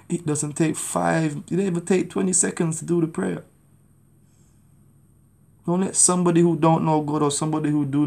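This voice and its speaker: A Jamaican man in his thirties preaches his testimony to a phone camera held at arm's length in a small room at home, sounding urgent and pleading. His voice is a little high, gravelly, and darkish in tone.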